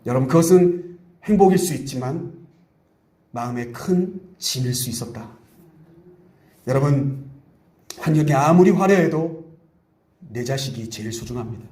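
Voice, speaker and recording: A man preaching a Sunday sermon as pastor, telling stories with animated, acted-out voices. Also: medium pitch, normal speed, pauses often. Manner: animated storytelling, acts out quoted voices. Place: church sanctuary. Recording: echoey church hall.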